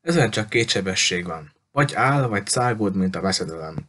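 A man's voice: lowish voice, animated, a bit bright. Man doing a grumbling annoyed boy. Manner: complaining.

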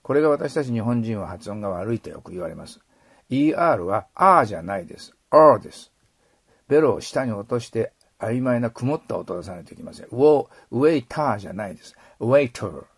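A middle-aged man teaching English pronunciation, modeling sounds and slowly repeating phrases. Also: on the low side, animated, vocal fry, slightly rough, dry recording. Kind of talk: explaining pronunciation in a lesson.

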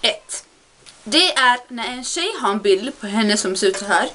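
Young woman vlogger, fairly high voice, exasperated casual rant, webcam at home. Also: animated, pushed and bright.

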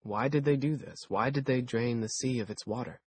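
A man reading a first-person audiobook aloud in a measured, dry storytelling manner. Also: mid-range voice, a little hiss or hum. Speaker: audiobook narrator.

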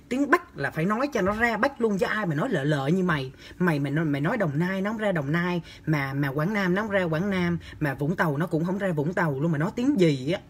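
Holding his phone camera at arm's length in a small indoor room, a young livestream host chats casually and reads out comments. He answers them with campy teasing, chatty energy and big, lively gestures, his voice sitting high with a slightly rough texture.

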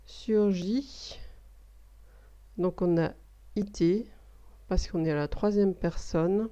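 A woman giving a slow spelling dictation lesson, repeating each word and explaining the grammar step by step. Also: on the low side, warm tone. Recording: dull lo-fi recording.

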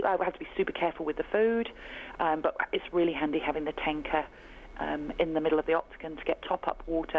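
Fast-talking woman on a tinny phone line. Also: low voice, slight background noise. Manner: quick, upbeat, with fillers. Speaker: bar owner. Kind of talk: casual phone interview.

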